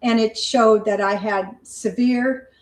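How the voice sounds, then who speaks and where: An older woman with a high voice talks casually while she cooks in her home kitchen. She chats in a friendly, homey way, narrating each step as she goes. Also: fairly even intonation, slow, low-quality recording. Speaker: vlogger. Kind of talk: casual cooking vlog.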